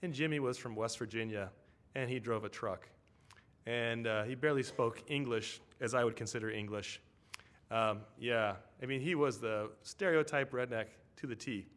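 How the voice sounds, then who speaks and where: A man's voice: mid-range voice, normal speed, fairly bright tone. Man preaching in a conversational storytelling way. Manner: storytelling, with tag questions to the congregation. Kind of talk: conversational sermon.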